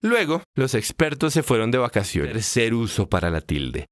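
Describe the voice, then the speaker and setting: A man narrates an explanatory lesson in a playful storytelling way. His pitch rises and falls with a lot of life. The recording is dry and close, with no room sound. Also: normal speed, dry recording. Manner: lively, playful storytelling with acted dialogue. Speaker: educator explaining Spanish accent marks.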